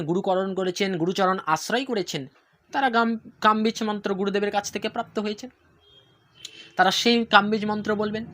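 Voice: medium pitch, bright, forceful tone. A devotional teacher explaining a worship ritual step by step, posing rhetorical questions and answering them, often repeating key points. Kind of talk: instructional talk on worship ritual.

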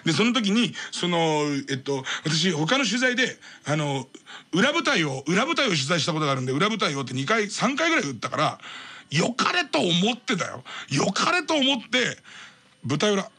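A man's voice: high voice, big pitch swings, normal speed, bright, forceful tone, husky. A man in his thirties hosting late-night radio, telling a comic story in a rambling, self-mocking way and laughing as he talks. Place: radio studio. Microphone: studio microphone. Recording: old cassette or MD radio recording.

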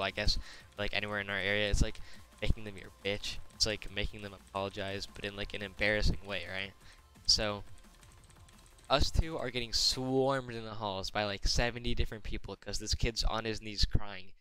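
A man's voice: fairly low pitch, pushed and bright. A teenage man telling a storytime vlog, crude and slangy, swearing constantly and boasting. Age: teens. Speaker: gaming YouTuber.

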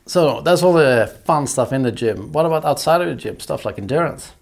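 A young man hosting, asking relaxed questions in an indoor gym. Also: on the high side, fairly quick, creaky, background noise. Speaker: host. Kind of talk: casual interview questions.

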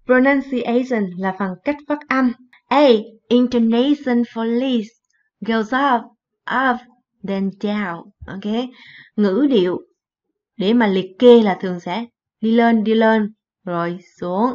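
Slow-talking woman teacher, lo-fi sound. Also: on the high side, a little mellow. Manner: explains slowly, repeats in translation. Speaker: English teacher. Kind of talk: bilingual classroom lesson. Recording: dull lo-fi recording.

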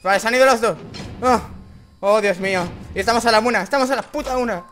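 A man with a Spanish accent from Spain, a high and reedy voice, commentating a horror game while swearing constantly and breaking into frightened screams. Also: fast, a bit bright, faint music behind. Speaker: gameplay commentator.

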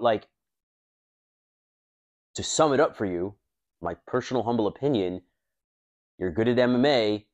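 A man's voice: mid-range voice, darkish tone, highs cut off. Blunt, profane man talking to camera. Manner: blunt and profane, lots of fillers. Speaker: self-defense channel host. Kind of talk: casual talk to camera. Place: high-rise room by a window.

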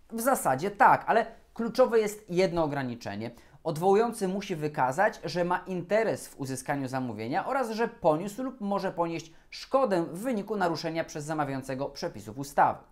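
A man, a lawyer, giving a scripted educational talk on procurement law in a formal, measured and deliberate way. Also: a little high.

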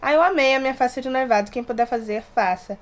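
Speaking quickly in a high register, this woman in her late twenties talks casually to the camera from a small bedroom. She's a YouTuber from Resende, inland Rio de Janeiro state, whose Brazilian accent mixes Rio, São Paulo and Minas. Chatty and playful, she moves her hands a lot, and the camera sits close in front of her.

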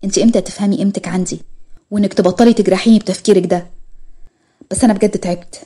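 A woman's voice: mid-range voice, fairly even intonation, rapid-fire, dark tone, husky. A woman with an Egyptian accent voicing a weary young male doctor who speaks earnestly and hurt. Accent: Egyptian Arabic.

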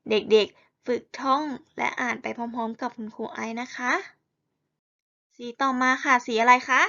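Slow, bright-voiced teacher for small kids. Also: female voice, fairly high pitch, little pitch movement, creaky, muffled recording. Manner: slow, drawn-out call-and-response to children. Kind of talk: teaching young children.

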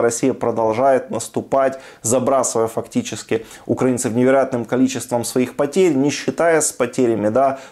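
A man in his thirties delivers opinionated political commentary to camera at a medium pitch. He is emphatic, circling back to restate his points and adding short rhetorical tags as he goes. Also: dark tone. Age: 30s.

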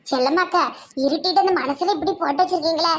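Someone voicing a quick-talking Tirunelveli neighbour woman. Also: extremely high pitch, a bit bright. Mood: worried. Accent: Tirunelveli Tamil. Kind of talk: animated comedy voice acting.

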